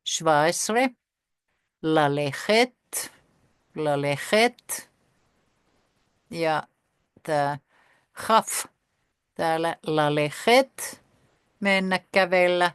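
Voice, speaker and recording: A woman with a low voice teaches a vocabulary lesson, saying each word slowly and repeating it, with plenty of fillers. The recording is dry and close. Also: fairly bright tone, clean tone, no room sound. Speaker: language teacher.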